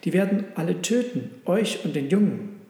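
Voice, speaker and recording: A man's voice: high-pitched, lively intonation, moderate pace, dark tone. A man voicing a doubtful, kindly old stable owner in a storybook reading, speaking fretfully. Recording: roomy with long reverb.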